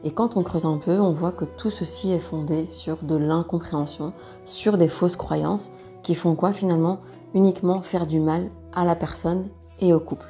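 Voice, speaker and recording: A woman speaking as a sexologist, explaining things to viewers in a measured, educational way with hesitant pauses. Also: lowish voice, steady tone, mellow, soft background music. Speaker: sexologist presenting a video.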